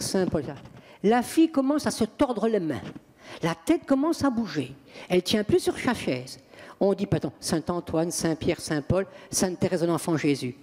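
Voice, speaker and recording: A man, an exorcist priest, telling lively and emphatic anecdotes in an interview. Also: sits high, big-room sound. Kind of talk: interview storytelling.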